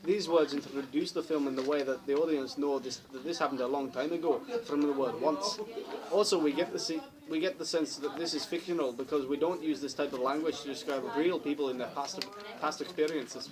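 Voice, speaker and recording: A man's voice: fairly high pitch, fairly even intonation, fairly quick. A teenage male student reads prepared answers for a school interview, often stumbling and restarting words. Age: late teens. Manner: stumbling, frequent restarts while reading. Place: busy classroom. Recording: noisy classroom with chatter behind.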